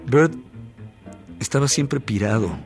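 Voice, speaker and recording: A man reading a first-person memoir aloud as an audiobook, in a measured, intense storytelling manner. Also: mid-range voice, expressive, soft background music. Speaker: audiobook reader.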